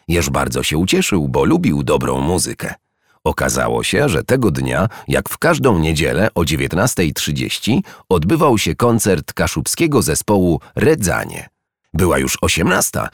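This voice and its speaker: A man with a very deep voice reads a children's story aloud, his pitch rising and falling expressively. The recording is dry and close, with no room sound. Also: dry recording. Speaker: narrator.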